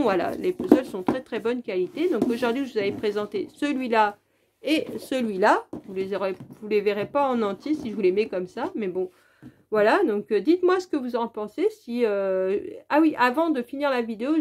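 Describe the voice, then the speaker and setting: Chatty French-speaking woman, slightly high voice. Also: a little mellow. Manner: chatty, hesitant, many fillers and restarts. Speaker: puzzle vlogger. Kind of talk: casual review vlog to camera.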